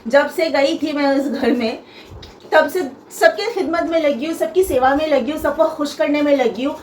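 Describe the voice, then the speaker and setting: A young woman with a high voice pours out a personal grievance on her vlog, emphatic and full of stops and restarts. Her voice rings around a bare, echoey room, with a faint hum of ambient noise behind it. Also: normal speed, a little mellow. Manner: aggrieved, emphatic, repeats herself with many hesitations. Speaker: vlogger.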